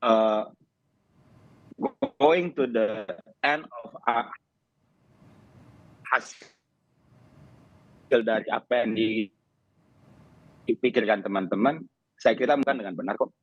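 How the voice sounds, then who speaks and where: A man's voice: lowish voice, slow, pauses often, no room sound, lo-fi sound. Man on a breaking-up call line. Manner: hesitant, many filler sounds. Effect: call audio breaking up and cutting out. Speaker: government spokesperson in a debate. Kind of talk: remote guest on a talk show.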